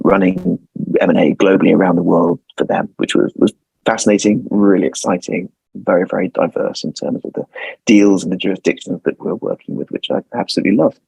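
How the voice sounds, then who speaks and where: This guest lawyer, in his forties and from London, has a deep, gravelly voice that's a little mellow and slightly rough, with a London accent. He answers interview questions with care, often repeating words as he finds the right phrasing. The dry recording is low quality.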